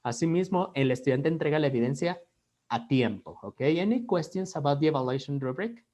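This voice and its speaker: Mexican teacher tagging every line with "ok?". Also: male voice, fairly high pitch, sing-song, normal speed, a little mellow. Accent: Mexican Spanish. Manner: switches between Spanish and English, says "ok?" after nearly every phrase. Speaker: English teacher. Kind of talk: online class lecture. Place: online video class.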